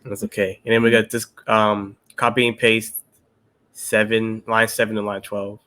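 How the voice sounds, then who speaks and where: A man's voice: on the low side, level tone, moderate pace, bright, forceful tone. A young man casually walking through a coding problem step by step, laid-back and patient as he studies for interviews. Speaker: interview candidate studying coding. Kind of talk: casual pair-programming chat.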